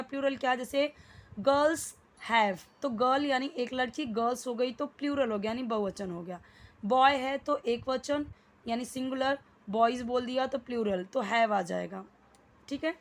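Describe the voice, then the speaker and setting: A woman teaching an English lesson, slowly explaining and repeating example sentences for beginners. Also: on the high side. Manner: slow, repetitive explaining, drilling example sentences. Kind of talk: spoken English lesson in Hindi.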